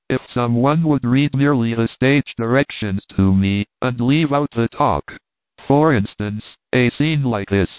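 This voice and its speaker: A man giving an even, wry, unhurried audiobook reading of essays. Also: medium pitch, clear, resonant tone, no echo. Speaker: reader. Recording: dry, tinny phone-like sound.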